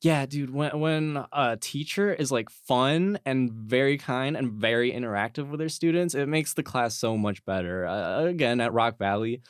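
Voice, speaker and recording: In a dry, clean studio recording, a young adult podcast host speaks smoothly at normal speed in a mid-range voice, barely pausing. His casual chat rambles, with frequent "like" and lots of stammering sentence restarts.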